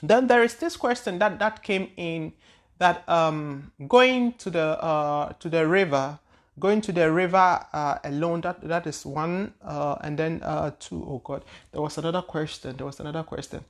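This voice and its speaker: A low-pitched woman's voice at normal speed belongs to a spiritual teacher from Ghana who hosts her own channel. She casually responds to viewer questions in a loose, searching manner, with frequent repeated words and hesitations.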